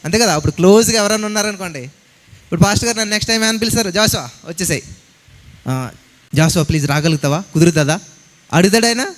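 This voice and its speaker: A man preaching a sermon in a church, lively and acting out quoted conversations. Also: high voice. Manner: animated, mixes English words, acts out quoted dialogue. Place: church hall. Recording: long hall reverb.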